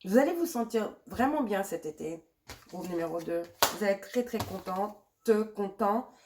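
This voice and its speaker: A woman with a medium-pitched voice and lively intonation gives a pick-a-card tarot reading at normal speed, though she's battling a cold and sore throat. Speaking close to the mic and directly to the viewer, she reassures, repeats herself, and sprinkles in English words, with background noise present.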